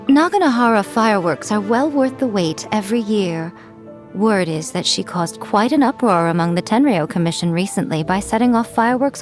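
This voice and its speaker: Woman voicing Yae Miko, a high-pitched, sly fox-spirit maiden. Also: a little mellow, close to an everyday voice. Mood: amused, nostalgic. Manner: coy, haughty, playfully condescending, deliberate phrasing. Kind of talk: scripted video game character voice-over. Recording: music behind the voice. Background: background music.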